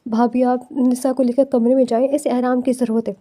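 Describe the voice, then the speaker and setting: A stern older man who gives short commands and raises his voice in anger, as a woman narrator reads him. The voice stays high and dark-toned. It is a plain storybook reading. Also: flat delivery, natural voice. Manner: commanding, shouts when angry. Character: older man, stern protective elder brother.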